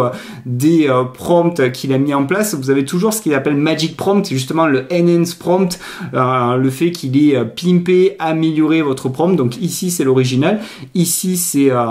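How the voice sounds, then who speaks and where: A man hosting a casual software tutorial, chatty and full of fillers, his pace speeding up and slowing down. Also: fairly high pitch. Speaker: tutorial host. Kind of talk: casual screen-recorded tutorial.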